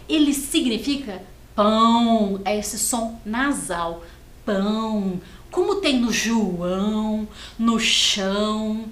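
Slow, lively woman teacher, echoey room. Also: fairly high pitch, a little hiss or hum. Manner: slow, sing-song, syllable-by-syllable teaching voice. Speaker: first-grade teacher. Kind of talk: televised classroom lesson. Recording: echoey studio with faint ambience.

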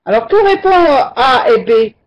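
A woman's voice: sits high, very animated, unhurried. A woman teaching an online French class, patiently repeating and correcting her students' answers. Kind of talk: online language lesson. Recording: muffled lo-fi online class recording.

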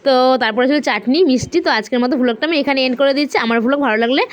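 Fast, smooth-voiced young woman. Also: sits high. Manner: chatty, narrates with many fillers. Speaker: vlogger. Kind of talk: casual vlog voice-over.

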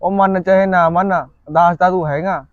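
A man's voice: high voice, steady tone, moderate pace, no echo, close to an everyday voice. A man plays an easygoing village friend, teasing and offering advice. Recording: lo-fi, from off mic.

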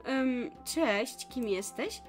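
A woman reading out a cool, curt young male guardian spirit from a visual novel, brushing off questions with dismissive ease. The voice sits a little high and stays light. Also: lively intonation, drawn-out words, soft background music. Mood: aloof.

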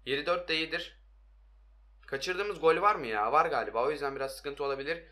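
A young man giving excitable, hoarse-voiced commentary on his own mobile football game, talking to his viewers and shouting at his players. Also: on the high side, a little fast. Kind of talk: live gameplay commentary.

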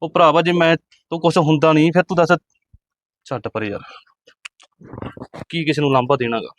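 A man's voice: a little high, steady tone, moderate pace, a little hiss or hum, lightly acted. A man from Punjab playing a poor, weary village farmhand who grumbles and complains to himself in a farmyard. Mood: grumbling.

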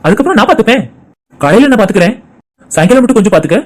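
Cartoon role: a man doing a gloomy, lovesick young man, high voice, brisk. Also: lively intonation. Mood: heartbroken. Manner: sorrowful, low and subdued. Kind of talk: cartoon voice acting.

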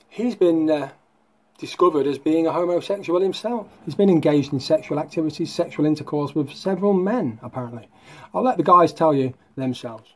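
A man hosting a casual vlog, talking in a mocking, sardonic way. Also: a little high. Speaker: YouTube host.

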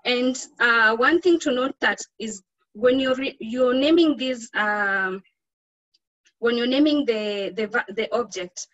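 A woman with a Kenyan accent explains software step by step as an instructor, informally and a little hesitantly. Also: fairly high pitch, slow, no echo, muffled recording.

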